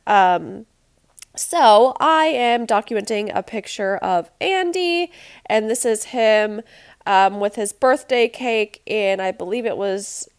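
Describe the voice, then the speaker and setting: A young woman who hosts a scrapbooking channel chats casually through a craft project, saying um a lot. Her voice is fairly high and clean in tone, though nasal and congested from allergies.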